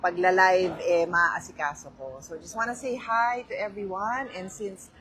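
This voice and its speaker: This middle-aged vlogger hosts a phone livestream in casual Filipino and English, naming viewers as she greets them and describing her day. Her Filipino-accented, mid-range voice is a little slow and a bit bright, with fairly even intonation, on a handheld phone and a rough recording.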